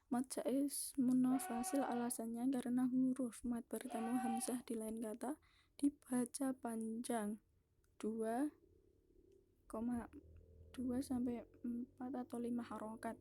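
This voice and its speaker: A woman's voice: on the high side, mellow, slight background noise. A young woman from Indonesia, a university student, giving a class presentation on Quran recitation rules and listing each rule step by step with care. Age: young adult. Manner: restarts words mid-sentence.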